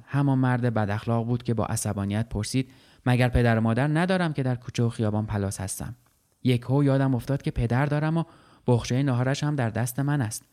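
A male storyteller reads a literary short story in a calm, measured way. His voice sits at an ordinary middle pitch, and his pacing stays steady through each sentence. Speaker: narrator. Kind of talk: scripted narration of a short story.

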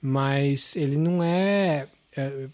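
A man's voice: medium pitch, slow pace, a little mellow. Male podcast host, enthusiastic and rambling, filler-heavy. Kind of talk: casual film chat.

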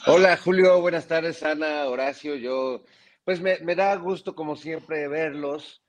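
A man's voice: a little high, measured pace. Man, mock-mournful joking. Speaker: panelist. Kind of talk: casual talk-show banter.

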